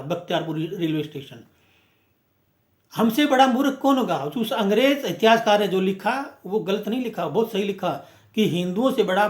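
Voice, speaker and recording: A high-voiced man speaking for a movement gives a fiery, impassioned speech full of rhetorical questions and repeated phrases. The room's echo rings through the sound.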